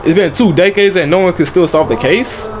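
A man giving casual let's-play commentary, talking in slang and reacting out loud to the game. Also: high-pitched, a little fast, over music. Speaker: gaming YouTuber.

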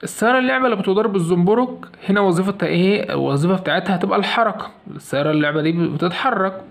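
A man's voice: high voice, rapid-fire, gravelly. A man with an Egyptian Arabic accent teaching a science lesson, asking questions and answering them himself. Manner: asks questions and answers them himself, repeats key points. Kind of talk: fast classroom lesson explanation.

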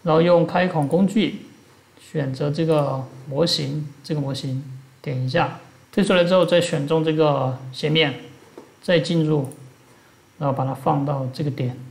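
A man's voice: on the high side, steady tone, moderate pace, gravelly. A man teaching step by step over a screen recording, explaining each action plainly as he works at a computer. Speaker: instructor. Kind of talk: screen-recorded software tutorial.

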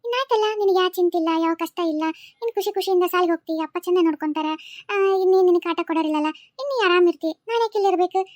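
A woman's voice: very high voice, very fast, darkish tone, dry recording, clean studio sound. A woman voicing a caring, secretly divine young guardian who speaks soothingly and motherly, with a North Karnataka accent. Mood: tender. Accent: North Karnataka Kannada.

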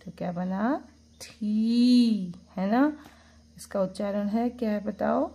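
A woman's voice: mid-range voice, normal speed, gravelly, dark tone, low-quality recording. A woman teacher giving a lesson to young children, drawing out each syllable and repeating sounds for the class to copy. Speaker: kindergarten teacher.

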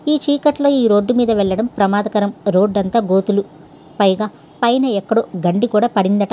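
A woman's voice: mid-range voice, normal speed, dark tone, slight background noise, natural voice. A woman voicing a proud grieving young woman. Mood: earnest.

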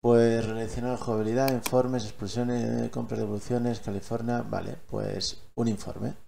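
A man's voice: medium pitch, little pitch movement, moderate pace, vocal fry, mellow, slight background noise. A man casually walks viewers through a gaming tutorial, often checking they are following. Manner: chatty, keeps checking in with listeners. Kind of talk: casual screen-recorded tutorial.

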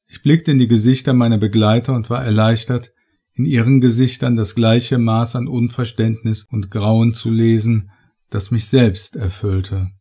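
A man reading a horror story aloud in measured, dramatic, scripted narration. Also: mid-range voice, level tone, warm tone, slightly rough. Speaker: audiobook narrator.

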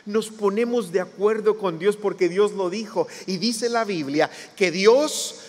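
A man's voice: high voice, a little slow, big-room sound. A man preaching a sermon as pastor, telling the story dramatically and acting out the voices he quotes. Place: church hall.

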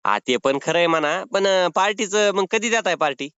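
High-pitched and fairly quick, a man pranks someone by phone in banter that sounds unscripted, pleading mockingly and insistently wheedling. His intonation is lively and his tone fairly bright and smooth. It's a dry, dull lo-fi phone call recording.

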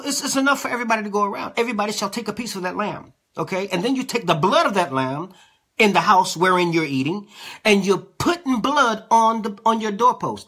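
A male preacher teaching a sermon with a lively, swinging pitch. His voice is bright and a little husky. He reads scripture and keeps checking in with his listeners. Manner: conversational, checks in with the listeners often. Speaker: apostle, preacher.

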